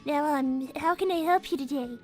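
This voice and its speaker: Woman voicing a polite, high-pitched little rabbit girl. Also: moderate pace, darkish tone, soft background music, lightly acted. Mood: hesitant, polite. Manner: polite, hesitant, earnest. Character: Cream, polite timid little rabbit girl, owner's daughter. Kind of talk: improvised character livestream.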